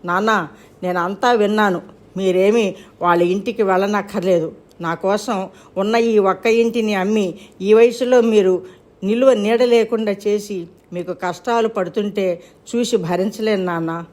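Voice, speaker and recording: A woman's voice: medium pitch, fairly even intonation, measured pace, a little mellow, lightly acted. A woman voicing an earnest young bride-to-be daughter who speaks in a pleading way in a storybook reading. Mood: tearful plea.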